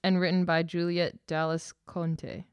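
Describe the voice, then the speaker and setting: A woman reading a children's picture book aloud in a slow, gentle, clearly paced way. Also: lowish voice, little pitch movement, no room sound. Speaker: storybook reader.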